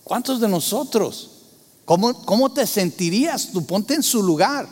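A man preaching a sermon, asking the congregation rhetorical questions and moving between loud emphasis and hushed tones. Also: high-pitched, lively intonation, a little slow, long reverb tail.

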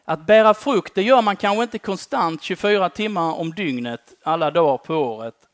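Delivering a sermon in a chatty style, this high-pitched, expressive man keeps ending phrases with a questioning "va?" and moves between loud emphasis and hushed endings. The sound is clean studio audio without echo.

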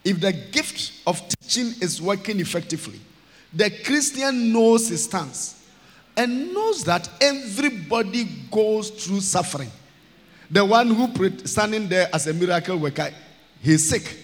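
A Ghanaian man, chairman of a church, preaching a sermon with emphatic, drawn-out phrases that rise to shouts. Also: high voice, lively intonation. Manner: emphatic, rising to shouts, stretching words slowly. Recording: long hall reverb.

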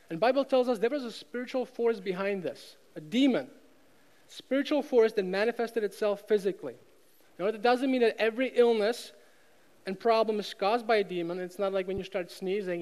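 This high-pitched, slightly mellow male voice belongs to a preacher from the Czech Republic speaking with a Czech accent. He uses emphatic repetition and rhetorical questions, heard through long hall reverb.

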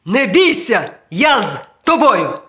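A woman's voice: on the high side, sing-song, slow pace, bright, forceful tone, heavily acted. A woman voicing a loyal, brave male dog in a children's storybook, speaking firmly and urgently. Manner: barking, urgent and firm.

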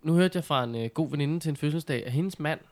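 A man in casual conversation, telling things in an informal, animated way with mild slang. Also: on the high side. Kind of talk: casual chat.

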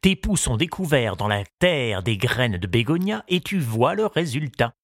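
A man voicing a kindly, wise old male gardener in an audiobook, musing slowly and confidingly. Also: mid-range voice, very animated, no echo, studio quality. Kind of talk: audiobook character reading.

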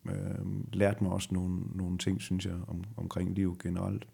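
A middle-aged man, a former rally driver, answering interview questions slowly and reflectively, often pausing to find his words. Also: deep voice, completely flat delivery, vocal fry, warm tone, husky. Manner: slow, reflective, halting. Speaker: retired rally driver as guest. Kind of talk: conversational interview.

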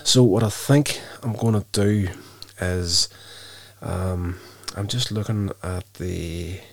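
In a dry recording, a man with a deep, chesty, wheezy and gravelly voice slowly works through a rambling film review for his casual solo movie podcast. He thinks aloud with hesitation and sounds sick, as if he has just woken up.

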